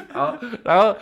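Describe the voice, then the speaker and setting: A young man, co-hosting a podcast and telling a story in an excitable way, with casual swearing and words repeated for emphasis. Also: extremely high pitch, creaky. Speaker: podcast co-host. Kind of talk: animated storytelling chat.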